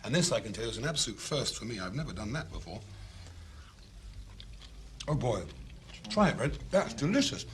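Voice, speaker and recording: A man's voice: mid-range voice, big pitch swings, a little fast, long pauses, a bit bright. A man hosting a cookery show, his voice swinging up and down as he chats with enthusiasm. He talks in a theatrical, chatty way over a faint hum of room noise. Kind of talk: lively on-set chat.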